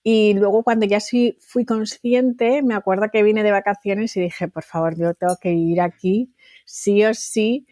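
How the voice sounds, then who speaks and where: A woman in her forties from Valencia, a guest on an interview podcast, talkative and quick to laugh. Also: medium pitch, fairly even intonation, no echo, studio quality. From Valencia, Spain. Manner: warm, talkative, laughs easily. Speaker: guest, entrepreneur.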